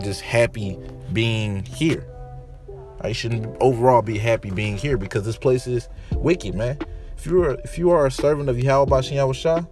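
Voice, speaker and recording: Slangy man preaching with faint music. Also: medium pitch. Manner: casual slangy preaching, repeats himself, calls listeners "man". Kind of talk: informal sermon with scripture reading.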